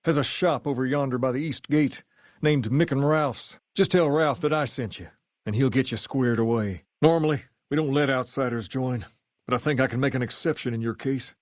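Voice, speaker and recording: A male actor voices a charismatic gang boss styled on a rock-and-roll idol. He has a Southern US drawl at a middling pitch and talks in a folksy, measured, self-assured way. It is game dialogue with a dry, close sound. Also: no room sound, close to an everyday voice. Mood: easygoing, assured. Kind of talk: video game character dialogue.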